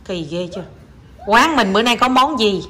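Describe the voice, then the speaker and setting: Playful mom, noisy recording. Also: female voice, a little high, lively intonation, moderate pace. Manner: chatty and teasing, often laughing. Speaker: mother playing with her child. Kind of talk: casual home vlog, playful pretend play.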